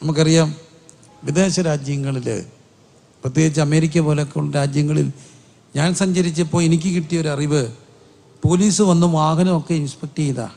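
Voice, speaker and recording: A man's voice: on the high side, fairly even intonation, moderate pace, vocal fry, long pauses, mellow, faint music behind. A man preaching a sermon as pastor, with a Keralite Malayalam accent, asking the congregation rhetorical questions and drawing out emphatic phrases.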